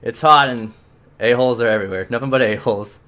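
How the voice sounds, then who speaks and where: A man's voice: mid-range voice, fast talker, pushed and bright, lightly acted. A man voicing a rude, bored, heavyset male archive clerk who grumbles and brushes people off, reading a game's dialogue aloud. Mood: surly. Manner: surly, dismissive, grumbling.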